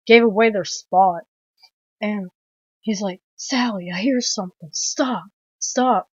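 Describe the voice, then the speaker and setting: A woman talks through a film review in a loose, rambling way, packing her sentences with "like" and restarts and swearing now and then. Her voice sits at an ordinary middle pitch. The sound is dry and dull, like a lo-fi recording. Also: no echo. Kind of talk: casual film review retelling a plot.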